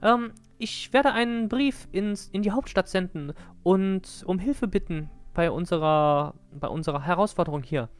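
A man's voice: moderate pace, clean tone, lightly acted. A man voicing an eager young heroine who leads her village, reading the game dialogue live and stumbling over words. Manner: high, loud, stumbling reading.

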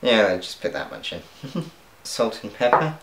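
Very animated and a little bright, this young man's lowish voice moves at normal speed. He's a cooking vlogger giving casual commentary in his home kitchen, talking to viewers and laughing when he gets things wrong. The kitchen is echoey, with pans clattering faintly.

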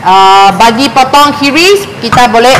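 A woman with a Malaysian Chinese accent giving a casual cooking demonstration in simple, halting phrases. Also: fairly high pitch, lively intonation. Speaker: cooking show host demonstrating a recipe. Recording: sizzling, frying kitchen noise.

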